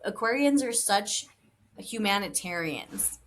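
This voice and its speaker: A woman's voice: medium pitch, animated, slow, a bit bright. Easygoing female guest, affirming, casual chat over a video call. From Tucson, Arizona. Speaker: podcast guest, spinal flow practitioner.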